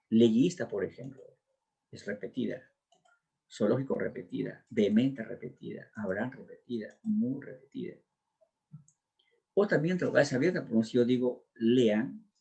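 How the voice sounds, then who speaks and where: A man's voice: medium pitch, vocal fry, darkish tone, slightly rough, muffled recording. A man teaching a pre-university exam class, working through language questions one by one in a drilling lecture style. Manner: drilling, walks through answers step by step.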